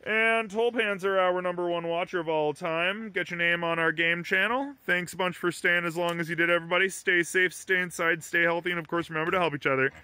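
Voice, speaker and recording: A man's voice: high-pitched, fairly even intonation, brisk, hardly any pauses, sharp tone, no echo. A man casually narrating a farm vlog from behind the camera outdoors, chatty and rambling. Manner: chatty, rambling, affectionate toward the animal. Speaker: farm vlogger.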